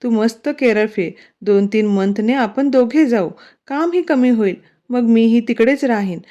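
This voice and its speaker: A teasing, protective young husband reassures his wife, as a woman narrator voices him. The tone is mellow and a little high for a man. The recording sounds dull and lo-fi. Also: expressive, a little slow.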